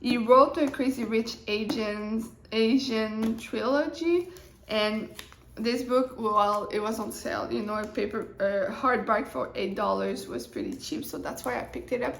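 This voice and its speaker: A woman's voice: fairly high pitch, measured pace, creaky, a bit bright, a little hiss or hum. Chatty young woman in an echoey room. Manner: rambling, chatty, self-interrupting. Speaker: book vlogger. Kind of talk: casual chat. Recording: roomy echo.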